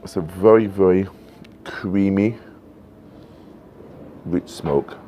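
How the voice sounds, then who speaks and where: A man in his fifties chatting casually to camera outdoors, in an unhurried, musing manner with frequent pauses. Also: low voice, mellow. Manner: unhurried, musing, pausing often. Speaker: pipe tobacco reviewer. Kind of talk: casual vlog chat. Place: covered porch outdoors at night. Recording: noisy home-made outdoor recording.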